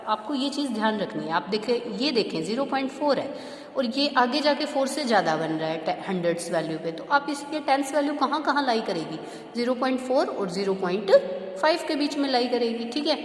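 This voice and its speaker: Brisk and lively in intonation, a fairly high-pitched woman teaches maths to young students one step at a time. She stays patient and keeps posing rhetorical questions to check they follow, and the sound is roomy, like a big space.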